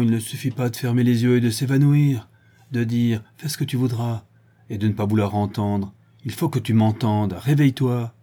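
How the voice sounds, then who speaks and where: A man's voice: medium pitch, warm tone, natural voice. A man playing a wounded, jealous young soldier who hurls bitter accusations and curses. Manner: accusing, cursing outbursts.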